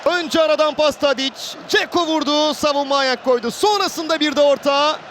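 A man giving live football play-by-play in an excitable way, with clipped phrases and drawn-out names. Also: extremely high pitch. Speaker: football match commentator. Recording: roaring stadium crowd noise behind voice. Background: stadium crowd ambience.

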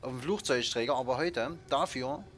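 A young man hosting his own gaming video, giving excited play-by-play of a shooter match and yelping at every hit. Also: mid-range voice, moderate pace. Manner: yelps and groans at the game, shouting in bursts. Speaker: gaming channel host. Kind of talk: excited Call of Duty commentary. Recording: loud background game noise.

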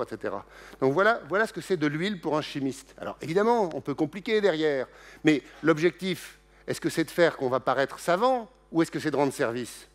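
Animated man giving a lively science lecture. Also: fairly high pitch. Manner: lively, joking, many restarts and asides. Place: lecture hall.

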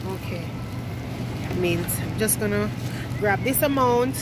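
A young woman with a Jamaican accent chatting to viewers as she walks through a large supermarket, filming on a phone at arm's length, laughing often. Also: fairly high pitch. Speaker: vlogger. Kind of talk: casual vlog chat. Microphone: phone held at arm's length. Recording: loud store background noise.

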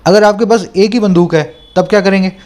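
A man's voice: high voice, darkish tone. Man teaching English in a lesson. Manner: explains slowly, repeats terms in Hindi and English. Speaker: English tutor. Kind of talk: exam-prep lesson.

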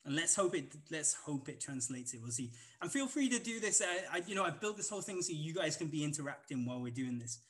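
A man's voice: on the high side, very animated, fast talker, few pauses, a bit bright, rough recording. Man, Welsh accent, conference instructor, live coding demo, casual rambling delivery. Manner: casual and rambling, many ums and restarts.

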